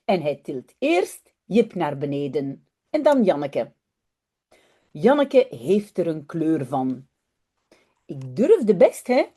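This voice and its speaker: Woman, teacher, read-aloud, slow, lively pitch. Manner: clear, deliberate, expressive. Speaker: language teacher.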